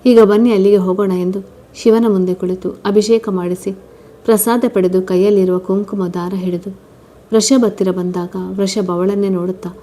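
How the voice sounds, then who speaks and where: Woman, storyteller, spoken story narration, steady, even delivery, average pitch. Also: moderate pace.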